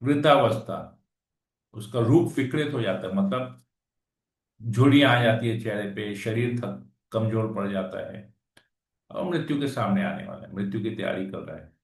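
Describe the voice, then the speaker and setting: A man with a lowish voice, speaking at normal speed, leads a Hindi scripture class: he reads verses aloud, then explains them in plain, conversational talk. He's recorded far from the mic in an echoey room.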